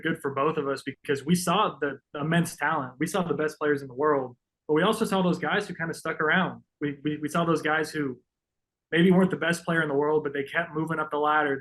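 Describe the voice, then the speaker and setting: A man's voice: fairly high pitch, a bit bright, rough recording. A man who is a podcast guest, emotional and sincere as he tells reflective stories in casual chat.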